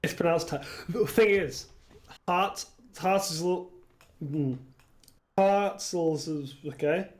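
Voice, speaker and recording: A young British man casting an esports match alone, chatting with his stream's chat and getting loud and fast during the fights. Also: on the high side. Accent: British English. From Britain. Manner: chatty, reads chat aloud, bursts into excited shouting at plays. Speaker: esports caster. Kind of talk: solo game commentary on a stream.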